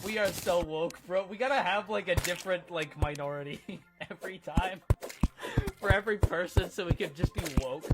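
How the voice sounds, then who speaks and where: A man's voice: high-pitched, moderate pace, loud music behind the voice. A young man in a group voice call, teasing his friends dryly with laughing asides. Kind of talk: casual crude banter over gameplay.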